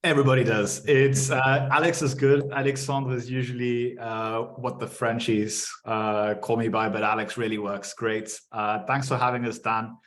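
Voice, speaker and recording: A man speaking as a panel guest, relaxed and friendly with some fillers. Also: medium pitch, moderate pace, few pauses. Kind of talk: casual panel chat.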